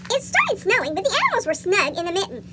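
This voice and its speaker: Someone voicing a chipmunk with a squeaky cartoon voice, reading a picture book aloud to children. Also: huge pitch swings, quick pace, heavy background noise, exaggerated voice. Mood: chirpy storytelling. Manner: asks young listeners questions. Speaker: story reader for children.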